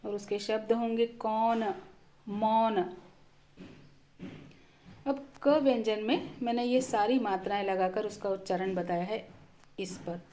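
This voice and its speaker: A woman's voice: medium pitch, moderate pace, mellow, a little hiss or hum. A woman teaching the Hindi vowels and their signs, explaining patiently and saying each sound on its own. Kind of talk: slow explanatory lesson.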